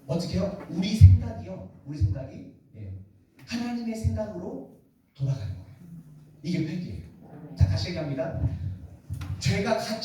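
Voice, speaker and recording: A man's voice: sits high, big pitch swings, normal speed, pauses often, background noise. A man preaching at a revival meeting in a church, repeating phrases and asking the congregation rhetorical questions. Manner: talks directly to the congregation, teasing and joking. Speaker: pastor. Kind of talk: revival sermon. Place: church sanctuary. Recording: very echoey hall, voice far from mic.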